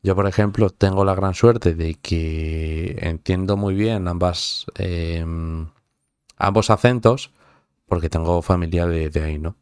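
Speaking slowly, this young man from Madrid has a low-sitting, darkish, clean voice captured in studio quality with no room sound. He chats loosely with his viewers in a Madrid Spanish accent, rambling, cursing and restarting often amid many fillers.

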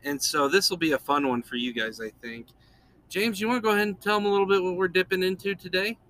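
A man's voice: high-pitched, fast, a bit bright. A man hosting a podcast in casual chat, laid-back and rambling, chuckling often. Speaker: podcast host.

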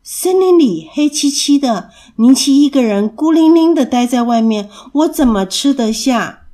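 A woman's voice: high voice, expressive, moderate pace, warm tone, voice pushed up. A woman voicing an anxious, tender little rabbit child in a storybook reading, with a pleading, tearful child's voice. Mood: worried.

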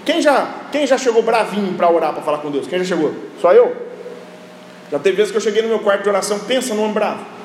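A high-pitched man preaches with lively energy, swinging from loud shouts to hushed asides. His voice echoes through a large hall with a long reverb. Faint noise sits underneath. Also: fast. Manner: animated, often shouting, acts out biblical scenes with humor. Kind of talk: lively sermon.

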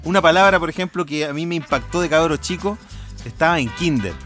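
Un hombre con acento chileno charla en un podcast y cuenta anécdotas con humor y soltura. Tiene una voz de tono algo alto. Hay música sonando de fondo todo el tiempo. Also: male voice, on the high side, a little fast, soft background music. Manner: playful storyteller, relaxed and chatty. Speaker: podcast co-host. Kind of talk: casual podcast chat.

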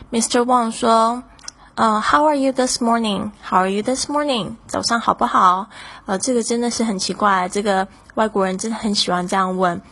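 A woman teaching English, explaining phrases and repeating words slowly, with frequent fillers. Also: mid-range voice, a bit bright. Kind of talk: language lesson explanation.

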